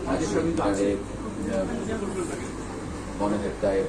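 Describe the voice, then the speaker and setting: A Bangladeshi-accented man presents a live programme in a fairly low voice. He sounds echoey and off the mic, with loud noise behind him. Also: lively intonation, a little slow. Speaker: programme host. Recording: echoey, distant mic, loud noisy background.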